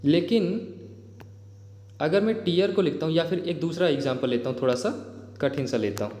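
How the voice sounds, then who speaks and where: A grammar teacher with an Indian accent, his voice sitting fairly high for a man. He explains rules in a chatty way, keeps checking that viewers follow along, and reads English examples slowly. The room rings with a long echo. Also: darkish tone. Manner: addresses viewers as "bhai", frequent "theek hai?" check-ins. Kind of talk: explanatory exam-prep lesson. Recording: echoey room with long reverb.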